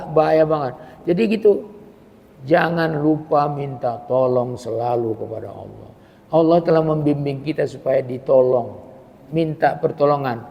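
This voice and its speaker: Older male preacher, high animated voice. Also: vocal fry, long reverb tail. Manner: animated, repeats phrases for emphasis. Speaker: Islamic preacher. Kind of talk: Quran exegesis lecture.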